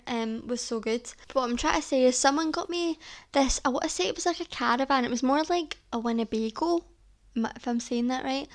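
A Scottish woman in her twenties chats on her own podcast, her voice sitting a touch high. She rambles freely and fills her talk with "like" and "um". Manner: chatty, rambling, heavy use of "like" and "um". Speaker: podcast host. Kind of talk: casual solo podcast chat.

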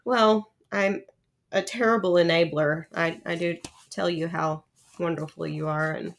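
A woman with a lowish voice and heavy vocal fry co-hosts a casual podcast. She is wry and teasing, and she sighs often at her co-host. She sounds like she is talking into a home podcast mic. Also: steady tone, unhurried. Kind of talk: casual chat.

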